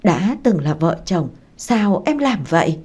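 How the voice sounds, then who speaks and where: A woman's voice: on the low side, big pitch swings, unhurried, dark tone, breathy edge, full character voice. A woman voicing a drunken, stubborn ex-husband who pleads and insists. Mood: pushy.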